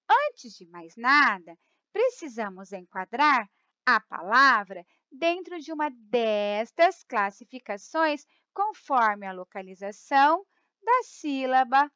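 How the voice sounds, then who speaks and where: A bright, lively Brazilian woman with a high voice and a Brazilian Portuguese accent teaches a Portuguese grammar lesson. She explains slowly, repeats rules, stretches key words, and keeps checking in with "tá?" and "ó". The audio has no echo, but the high frequencies are cut off.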